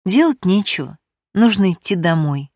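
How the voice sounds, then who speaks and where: Expressive woman reading an audiobook. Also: fairly low pitch, moderate pace, no echo, studio quality. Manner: expressive storytelling. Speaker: narrator. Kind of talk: audiobook narration.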